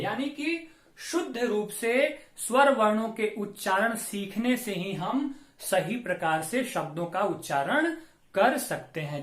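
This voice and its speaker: A middle-aged man, a Hindi professor, giving a classroom-style lecture on pronunciation, spelling out each sound slowly and carefully. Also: sits high, fairly bright tone, reverberant. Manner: slow, deliberate, drawn-out enunciation of sounds. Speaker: Hindi professor teaching grammar.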